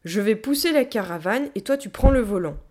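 A woman voicing a bossy, blustering female gorilla in a storybook reading, brisk and gruff. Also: mid-range voice, animated, darkish tone, close to an everyday voice.

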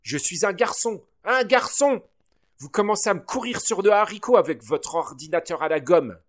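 A man's voice: mid-range voice, expressive, measured pace. Man doing an indignant young boy. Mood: exasperated. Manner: shouting, exasperated.

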